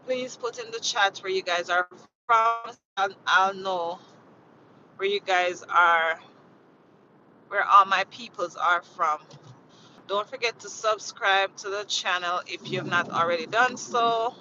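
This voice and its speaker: Speaking slowly with a sharp tone at medium pitch, a woman from Jamaica chats casually with her livestream viewers from inside a vehicle, wandering off topic and repeating herself as she greets them. The dashboard-mounted phone gives dull audio with slight background noise.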